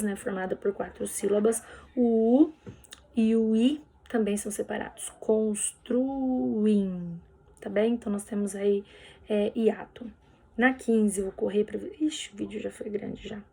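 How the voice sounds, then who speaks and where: A woman's voice: mid-range voice, steady tone, a little fast, gravelly, a little mellow, husky. A woman teacher with a Brazilian Portuguese accent, going over exercise answers in a recorded lesson. She explains patiently and keeps checking in with her students. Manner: patient, explanatory, ends phrases with "tá bem?".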